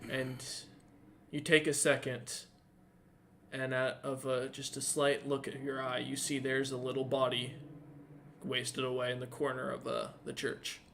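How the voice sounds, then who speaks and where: A man who is the dungeon master, narrating a tabletop game in a casual, halting way with lots of fillers. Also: mid-range voice, monotone, creaky, fairly bright tone, slight background noise.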